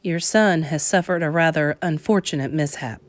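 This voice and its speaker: Woman doing a calm, low-voiced grandmother. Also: no room sound, natural voice. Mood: patient, firm. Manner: low, measured and unflappable. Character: firm, calm elderly grandmother.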